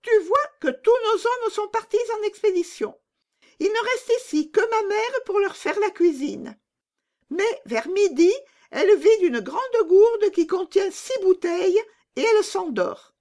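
A wild little robber girl barks orders in a shrill, piercing voice, as a woman puts her on. She sounds bossy and menacing, with a sing-song swing to every threat in this storybook tale. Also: lively intonation, a little slow, darkish tone.

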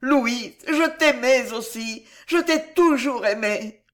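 A reader voicing a tearful, high young woman. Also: animated, takes it slowly. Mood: anguished. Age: young adult. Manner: high-pitched, tearful, crying out. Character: heartbroken, tender young woman, sobbing and pleading. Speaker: storybook heroine. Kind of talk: dramatic audiobook reading.

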